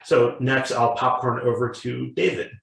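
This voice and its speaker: A man's voice: mid-range voice, fairly even intonation, measured pace, vocal fry, a bit bright. A young man from New Jersey hosting an online community meeting, speaking steadily with some fillers. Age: young adult. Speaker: meeting host. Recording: echoey distant mic.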